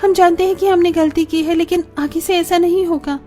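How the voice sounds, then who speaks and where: Woman doing high emotional young daughters. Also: fairly even intonation, a little fast, warm tone, soft background music. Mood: reassuring. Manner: pleading, tearful and heated by turns. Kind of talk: animated story dialogue.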